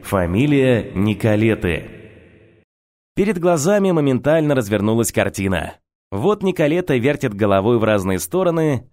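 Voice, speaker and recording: Guy reading an audiobook, wry ironic tone, lively pitch, dry close mic. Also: no echo. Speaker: audiobook reader. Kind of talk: first-person ironic audiobook narration.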